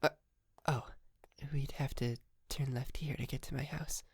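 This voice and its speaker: Speaking in a medium, steady voice at a measured pace, a man plays a polite, sheepish, wealthy young yandere kidnapper for an ASMR roleplay. His soft, hesitant words come with stammers and breathy whispers as he sheepishly confesses. The sound is studio quality with no echo.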